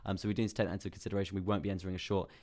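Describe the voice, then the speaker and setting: Hoarse, fast-talking English man. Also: low voice, level tone, darkish tone. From England. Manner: chatty, reads out viewer names and laughs often. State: hoarse, voice partly lost. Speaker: crypto live-stream host. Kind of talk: casual live-stream chart talk.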